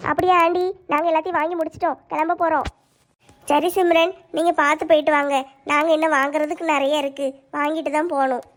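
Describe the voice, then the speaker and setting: Very high-voiced woman. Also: little pitch movement, fast talker. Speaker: daughter-in-law in a family skit. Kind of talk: family comedy skit acting.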